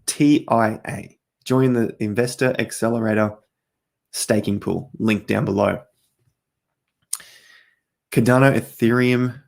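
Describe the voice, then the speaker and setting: Gravelly-voiced man losing his voice. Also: on the low side, steady tone, slow, pauses often. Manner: chatty, talks straight to viewers while walking through charts. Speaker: crypto market host. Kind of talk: casual livestream chart commentary.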